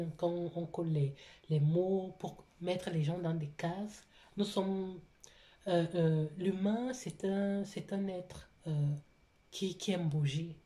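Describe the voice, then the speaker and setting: Woman, foreign accent, lowish voice, mellow tone, halting confessional talk. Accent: foreign accent in French. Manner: halting, many restarts and fillers. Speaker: vlogger, single mother.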